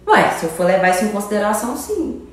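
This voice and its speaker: A woman's voice: medium pitch, very animated, fast talker, distant mic. A woman teaching an online grammar lesson in a chatty way, checking in with "tá?" after almost every phrase. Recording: echoey room, voice a bit off-mic.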